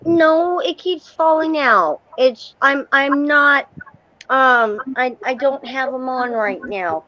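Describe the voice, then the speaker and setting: A woman on a call in casual chat, her voice doubled by an echo from a second device, talking in halting, stammering restarts through a corded earbud headset. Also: high-pitched, bright, forceful tone. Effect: echo from her own second device feeding back. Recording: dull lo-fi call audio with faint noise.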